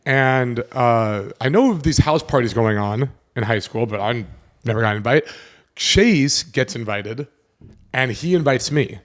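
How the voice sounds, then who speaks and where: Young male podcast host from South Florida, casual storytelling, animated, foul-mouthed. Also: mid-range voice, a little slow. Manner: animated, swears freely, acts out his younger self.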